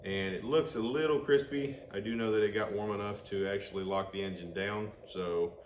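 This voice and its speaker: On his workshop vlog, a man chats casually while working on an engine in an outdoor garage. His loud voice runs on the low side at a moderate pace, picked up by the camera mic alone amid roomy, noisy workshop ambience.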